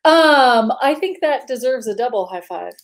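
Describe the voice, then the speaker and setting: A woman from Indiana hosting a relaxed live chat. Her voice sits high and bright, and she rambles cheerfully with lots of fillers and giggles. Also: moderate pace. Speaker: host. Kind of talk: casual live-stream chat.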